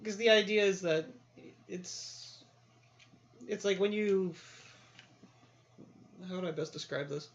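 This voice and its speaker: Dry-joking podcast co-host, mid-pitched. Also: slow pace, long pauses. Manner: dry, teasing jokes. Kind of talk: casual chat. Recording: dull lo-fi home podcast audio.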